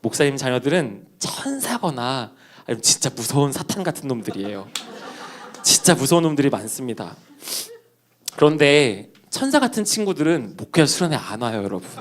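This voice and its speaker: Animated young man preaching a story. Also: medium pitch, moderate pace. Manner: personal anecdote with quoted dialogue, addresses congregation. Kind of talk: storytelling sermon.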